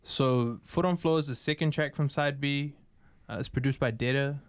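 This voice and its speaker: A man chatting casually about his album, relaxed, with laughing asides and lots of fillers. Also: mid-range voice, moderate pace, clean tone, no echo, clean studio sound. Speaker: musician introducing his album. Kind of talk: casual chat.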